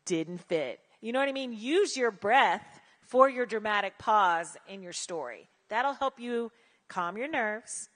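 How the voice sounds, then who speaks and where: A woman giving direct, animated coaching feedback on a pitch rehearsal, using casual slang. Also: measured pace, long reverb tail.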